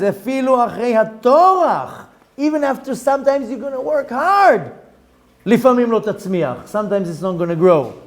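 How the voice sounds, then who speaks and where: This is a rabbi teaching the Zohar: a middle-aged man with an Israeli accent and a high-pitched voice. He reads Hebrew quickly, then explains in English, asking lively rhetorical questions as he goes.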